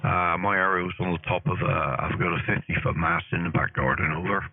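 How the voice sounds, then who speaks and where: Over a narrow, phone-like signal, a Plymouth man operating a ham radio station keeps up friendly, casual chatter. His voice is low and husky, with a steady tone and a slightly quick delivery.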